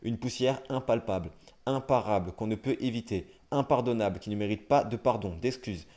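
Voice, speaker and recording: Mellow-voiced young man reading a dictionary. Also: fairly low pitch. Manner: brisk reading broken by wry, self-mocking asides. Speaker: livestreamer. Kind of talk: reading a dictionary aloud on a livestream.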